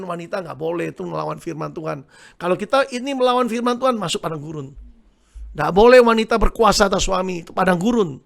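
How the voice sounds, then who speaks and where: Male pastor, middle-aged, gravelly and high-pitched, lively sermon delivery. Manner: animated preaching, calls to the congregation.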